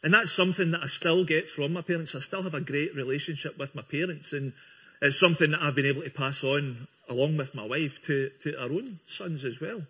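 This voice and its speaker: Sharing his testimony with a church congregation, a guest speaker from Scotland comes across earnest and friendly, with a few small restarts. His voice is on the high side and a bit bright, with a breathy edge, and he talks fairly quickly. The audio is a dull lo-fi recording.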